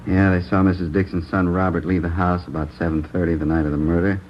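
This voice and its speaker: Speaking low and quickly over a faint hiss or hum, a man lightly acts the part of a police lieutenant in a 1950s radio crime drama. He steadily and methodically reads out what the neighbors heard on the night of a murder, and the old broadcast recording sounds dull.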